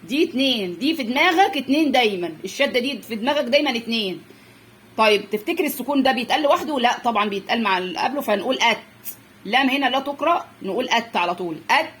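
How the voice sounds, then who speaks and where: A young woman, her accent Egyptian Arabic, runs through children's reading for parents in a phonics lesson, drilling letter sounds and elongating words as she repeats them. She talks rapid-fire, in a slightly high, bright voice with lively intonation.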